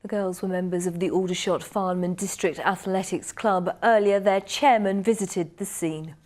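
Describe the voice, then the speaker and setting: A woman presenting the evening news in a measured, formal way. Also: on the low side, steady tone, darkish tone. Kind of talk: scripted news reading.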